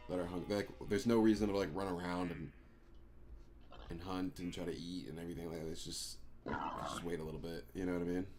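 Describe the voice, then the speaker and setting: A man chats on a live gaming stream in a deep, low voice. He rambles, trails off and restarts his thoughts with plenty of fillers. Loud noise sits behind his voice throughout.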